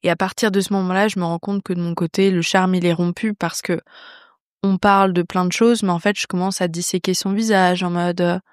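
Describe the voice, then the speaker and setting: A young French woman hosting a podcast, telling a personal story in a chatty, animated way with many fillers. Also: lowish voice, brisk, clean tone, no echo, studio quality. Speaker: podcast host. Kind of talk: storytelling monologue.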